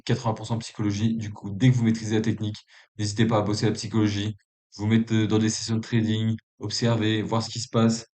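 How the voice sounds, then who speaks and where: Low-voiced man coaching traders, full of fillers. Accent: non-native French accent. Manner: hesitant, many fillers, relaxed and informal. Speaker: trading coach. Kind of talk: casual explanatory lesson.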